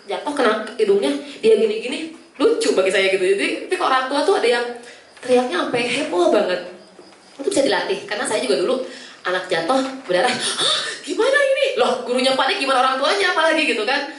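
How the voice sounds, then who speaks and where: A young woman educator chats at a quick clip, her voice slightly high and full of laughter as she acts out scenes. She sounds a little far from the mic in a roomy, echoing space with a faint hiss behind her. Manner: lively anecdotes, laughing often, acting out children. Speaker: guest speaker, children's educator. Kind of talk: casual talk show chat. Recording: echoey room, distant mic, faint noise.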